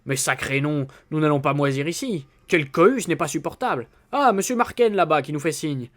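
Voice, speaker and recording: A man voicing a brisk, self-assured swindler posing as a police inspector in a read-aloud story. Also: a little high, lively intonation, fairly bright tone. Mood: grumbling. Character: smooth-talking fake police inspector, brisk.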